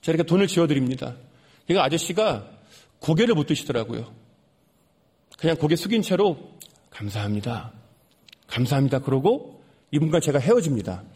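A young man giving an earnest sermon testimony, repeating lines for emphasis and dropping soft at sad moments. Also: on the high side, expressive, quick pace, long pauses, breathy edge.

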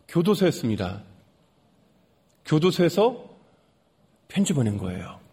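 A young man giving an earnest sermon testimony, repeating lines for emphasis and dropping soft at sad moments. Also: fairly high pitch, slightly rough.

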